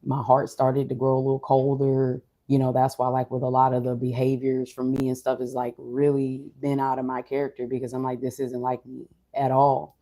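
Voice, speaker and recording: A streamer or vlogger muses casually about personal matters in a monotone. The mid-pitched voice is dark and mellow with little melodic variation, and the delivery stays subdued, low-energy and unhurried.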